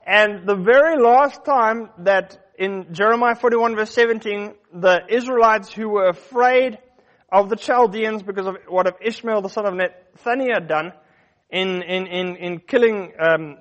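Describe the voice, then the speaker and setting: High-voiced man preaching a Bible sermon. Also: fairly bright tone, muffled recording. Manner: teaching Bible verses, questioning the audience, with fillers and restarts.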